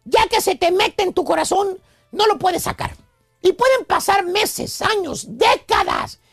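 Comedy radio: a man voicing a preachy old love professor, very high and gravelly. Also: sing-song, a little slow, a bit bright, full character voice. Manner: preachy, lecturing, theatrical. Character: pompous squeaky old male love professor. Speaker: comic radio host.

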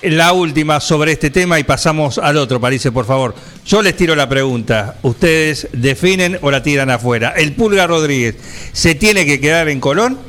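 A man hosts a comic football panel and keeps trying to calm the studio and move the talk along. He speaks in a slightly raised voice and keeps a firm hand on the panel. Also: a little high, normal speed. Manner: tries to calm the studio, steers the topics. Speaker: host. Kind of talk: moderating a comic panel show.

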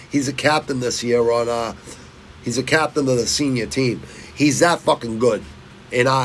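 A man's voice: medium pitch, gravelly, slight background noise, low-quality recording. A middle-aged man, rambling and swearing through his fight betting picks and stumbling over fighters' names. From Massachusetts. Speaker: fight picks channel host. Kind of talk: casual betting picks talk.

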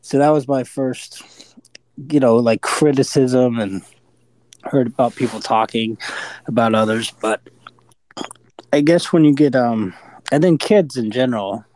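A man sharing his views on a recovery podcast in a reflective, hesitant, casual way with frequent pauses. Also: mid-range voice, darkish tone, dry recording, rough recording. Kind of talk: casual sharing in group talk.

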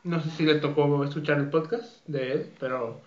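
A man's voice: fairly high pitch, steady tone, moderate pace. A man hosting a podcast interview, hesitant and agreeable, with many fillers. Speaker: podcast host. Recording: echoey, dull lo-fi room.

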